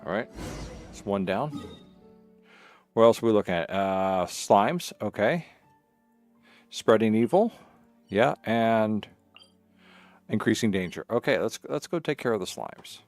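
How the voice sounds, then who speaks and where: Over game music, a livestream host chats casually and talks to himself while playing a video game, rambling as he goes. His fairly low, darkish voice is animated yet unhurried, with long pauses and no echo.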